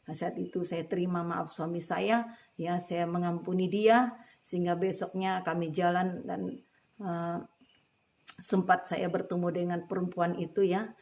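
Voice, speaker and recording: A woman gives an emotional church testimony in a lowish, level, darkish voice, speaking a little slowly. Retelling her story with emotion, she often says "ya" and "puji Tuhan" and addresses listeners as beloved brothers and sisters.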